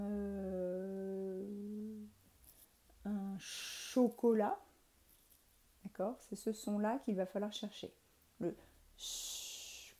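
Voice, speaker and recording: A woman teaching young children remotely, speaking clearly and spelling out letters and sounds. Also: mid-range voice, warm tone, a little hiss or hum. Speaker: primary school teacher. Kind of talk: remote lesson for young pupils. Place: classroom in front of a board.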